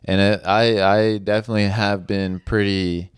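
A man's voice: lowish voice, little pitch movement, normal speed, clear, resonant tone. A young man in his early twenties chatting casually on a podcast, rambling and leaning on fillers like "like" and "you know.". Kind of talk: casual chat.

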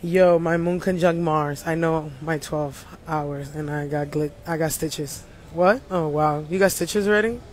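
A playful man with a notably high voice, chatting casually on a livestream about astrology. He jokes around, slips into a mock flight-announcer tone, and speaks into a phone mic, with faint background noise around him. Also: fairly even intonation, unhurried, few pauses.

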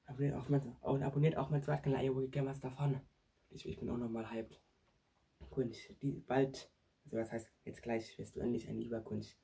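Man, vlog host, excitable, addresses viewers, very husky breathy voice. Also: mid-range voice, a little fast. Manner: excitable, talks straight to viewers. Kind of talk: staged real-life prank vlog.

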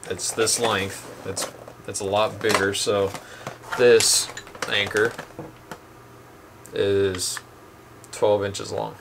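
A young man with a low voice talks through a gear demo in a dim room at home, relaxed and plain-spoken with frequent ums. Clattering handling noises come through clearly behind him. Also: very slow, long pauses, noisy background. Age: young adult. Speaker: channel host reviewing boat anchors. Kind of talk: casual product demo.

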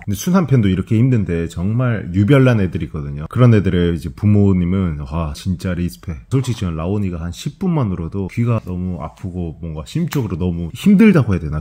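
A man's voice: low-pitched, dark tone, slightly rough. A tired young man chatting as a new father in a casual vlog, playful and teasing, sometimes singing snatches to his baby.

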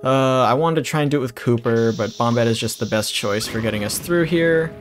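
A man's voice: mid-range voice, fairly quick. A man giving casual let's play commentary, rambling through jokey asides as he plays. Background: game music.

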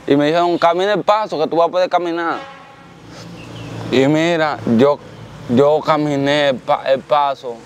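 A man's voice: a little high, normal speed, a little hiss or hum. A man with a Dominican accent, telling his own story in an interview, earnest and repetitive, often thanking God. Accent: Dominican Spanish. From Dominican Republic. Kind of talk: casual storytelling.

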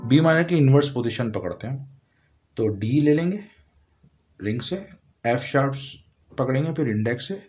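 A man with a Pakistani Urdu accent, calmly explaining a piano lesson step by step, sometimes singing short lyric lines slowly. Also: mid-range voice. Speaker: music teacher. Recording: piano playing behind voice.

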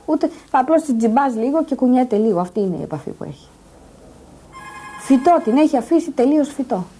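A woman's voice: high-pitched, animated, dark tone, slight background noise. A distressed middle-aged woman giving agitated, insistent testimony in a news interview, repeating her points. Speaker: interviewee, patient's daughter.

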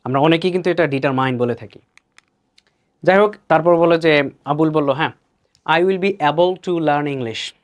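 A man with a Bangladeshi accent gives a pronunciation lesson, his voice sitting a little high. He explains each word, then repeats it slowly and carefully so the learner can copy it. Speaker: English pronunciation teacher.

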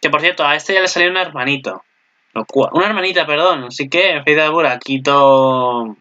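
Excitable young man with a Spanish accent. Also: on the high side, a little fast, dull audio. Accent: Spain. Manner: excitable, swears often, laughs at himself. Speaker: anime commentator. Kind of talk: casual reaction commentary.

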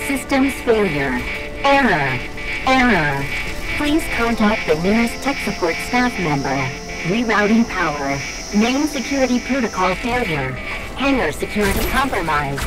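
A woman's voice: mid-range voice, very animated, unhurried, pauses often. A woman voicing a glitching female security computer system that gives clipped robotic error announcements. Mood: malfunctioning. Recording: roomy echo over loud game music.

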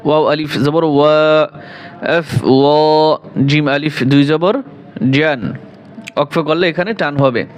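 A man with a Bangladeshi Bengali accent teaching Quran reading, spelling out each syllable and then reciting the verses slowly and drawn out. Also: on the high side, fairly even intonation, smooth. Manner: slow drawn-out recitation between quick spelling explanations.

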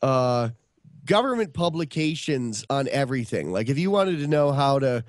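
Very animated and medium-pitched, a man talks at normal speed in a studio-quality recording without echo. He's an early-fifties podcast guest from upstate New York, sharing casual stories on a video call in a rambling style with many restarts and fillers.

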